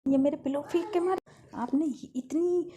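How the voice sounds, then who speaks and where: A woman voicing a stern, bossy young woman who scolds loudly and indignantly. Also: high-pitched, moderate pace, slight background noise, voice pushed up, natural voice. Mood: scolding.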